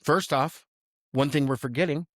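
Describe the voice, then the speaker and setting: A man's voice: a little high, moderate pace, fairly bright tone, dry recording, studio quality. A young man co-hosting a podcast from a small office, rambling casually with plenty of fillers and restarts. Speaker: podcast co-host. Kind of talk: casual unscripted chat.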